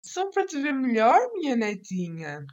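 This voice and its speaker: A woman's voice: sing-song, normal speed, a little mellow, dull audio. Woman putting on a sly hungry wolf. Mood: sweet-talking. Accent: European Portuguese. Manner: sly, dropping low at phrase ends. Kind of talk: storybook voice acting.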